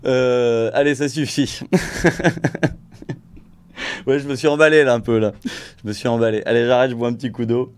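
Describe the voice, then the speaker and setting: A man's voice: medium pitch, steady tone, normal speed, long pauses, smooth. A man hosting a live stream, chatting casually about music production and his own impressions, rambling and self-mocking.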